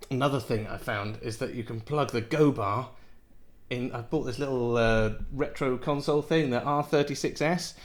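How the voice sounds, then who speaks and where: A man in his thirties from Wales, reviewing headphones in a rambling, chatty way in a home office. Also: mid-range voice. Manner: rambling, chatty, self-interrupting with laughs. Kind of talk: casual product review. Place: home office with window and plants.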